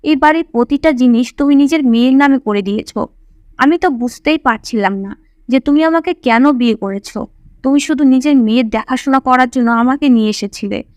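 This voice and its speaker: Woman voicing a tearful scheming stepmother, resentful, high voice, dry recording. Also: fairly quick, darkish tone, no echo, close to an everyday voice.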